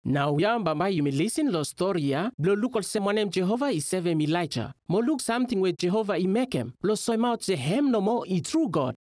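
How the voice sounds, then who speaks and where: A man delivers a Bible teaching talk in a Melanesian pidgin accent from Vanuatu. His pitch moves in a lively, expressive way, and the sound is dry and close. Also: a little fast, hardly any pauses, dry recording. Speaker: religious teacher.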